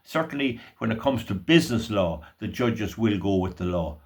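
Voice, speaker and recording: A man's voice: fairly low pitch, animated, moderate pace. Rambling man talking to viewers. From Ireland. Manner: rambling, stumbles over words and restarts; folksy asides to viewers. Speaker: commentator. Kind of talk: casual commentary to camera.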